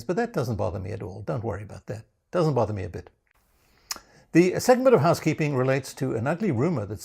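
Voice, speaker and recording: A man's voice: mid-range voice, vocal fry, darkish tone, breathy edge. A man from Africa, presenting a scripted introduction with dry, self-mocking humor. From South Africa. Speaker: program founder presenting.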